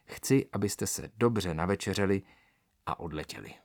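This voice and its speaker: A man voicing a caring but firm mother cat in a read-aloud story, speaking softly and calmly. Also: low voice, vocal fry.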